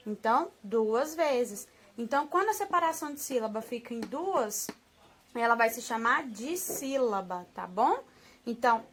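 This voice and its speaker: A woman with a Brazilian Portuguese accent teaching young children a remote lesson, affectionate and patient, slowly sounding out words and checking in often. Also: high-pitched, a bit bright. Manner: affectionate, slow syllable-by-syllable modeling, frequent "tá bom?". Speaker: primary school teacher.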